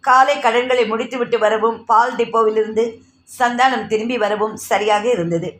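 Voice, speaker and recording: A woman's voice: a little high, fairly even intonation, moderate pace, roomy sound, a little hiss or hum. A woman reading a novel aloud as a narrator, voicing the characters' dialogue herself. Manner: reads characters' dialogue in her own voice.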